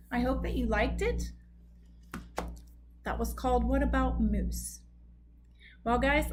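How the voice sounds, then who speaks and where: A woman reading a picture book aloud to children at bedtime, pausing to explain the story gently. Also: sits high, slight background noise.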